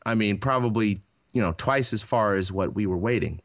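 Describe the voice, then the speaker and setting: A man's voice: on the low side, normal speed, no echo, clean studio sound. A man in his thirties co-hosting a podcast, telling a rambling story in a casual chat, full of fillers and restarts. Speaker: podcast co-host.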